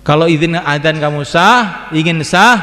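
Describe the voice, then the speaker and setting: A man's voice: on the high side, a little slow, pushed and bright. A man from Indonesia, preaching to a gathering and repeating his phrases again and again. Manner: repeats phrases, sings call-to-prayer lines. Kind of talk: religious talk to a gathering. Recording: long hall reverb.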